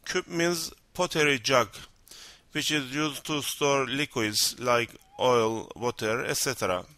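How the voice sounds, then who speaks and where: A man with a Turkish accent, a native Turkish speaker teaching vocabulary, reading out word lists one by one and explaining them slowly. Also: mid-range voice, pushed and bright, no room sound. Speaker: language teacher.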